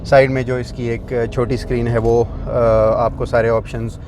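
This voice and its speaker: A man's voice: medium pitch, little pitch movement, noisy background. A man doing a casual car review, explaining features as he demonstrates them and using plenty of fillers, recorded inside a large vehicle.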